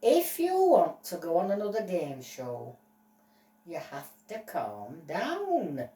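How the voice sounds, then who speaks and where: Stern lecturing judge, a woman putting it on, slow and deliberate, mellow, echoey room. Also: on the low side, huge pitch swings, recorded from a distance, voice pushed down, exaggerated voice. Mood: scolding. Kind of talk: playful toy play storytelling. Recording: roomy echo, voice off-mic.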